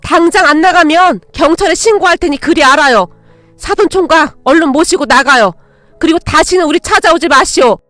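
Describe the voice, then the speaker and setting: A woman's voice: high voice, a little fast, fairly bright tone, no echo, soft background music. A woman playing a fierce, protective older mother-in-law. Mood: stern. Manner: firm, scolding, then tender and soothing. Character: stern but caring older mother-in-law.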